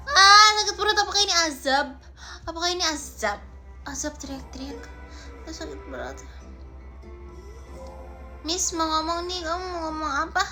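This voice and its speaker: A playful young woman chats to her viewers during a home livestream, reading their comments aloud and teasing them. Her voice sits high and sounds bright and sharp. Faint music plays behind her. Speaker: live streamer.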